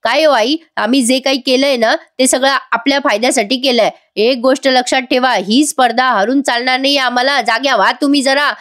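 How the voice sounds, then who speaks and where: A woman voicing a brash young daughter-in-law who answers back loudly. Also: high voice, steady tone, fairly quick, few pauses. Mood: defiant. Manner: defiant, loud.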